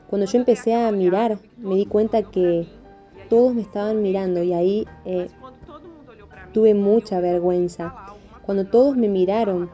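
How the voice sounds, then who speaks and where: A woman preacher recounts a testimony in a very dark, mellow voice. She tells it earnestly and slips into the voices of her story as she goes. Soft music plays faintly behind her. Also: medium pitch. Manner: earnest storytelling, acts out dialogue. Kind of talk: spoken testimony of a vision.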